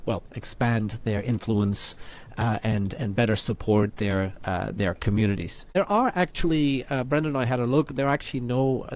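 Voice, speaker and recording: A man's voice: medium pitch, darkish tone. A man hosting an informal podcast conversation, speaking thoughtfully and circling back with fillers and restarts. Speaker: podcast host.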